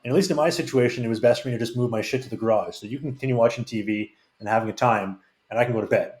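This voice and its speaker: A man's voice: mid-range voice, racing, darkish tone. A man who is a podcast guest tells frank, rambling anecdotes in a casual storytelling way, with many restarts. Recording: roomy echo.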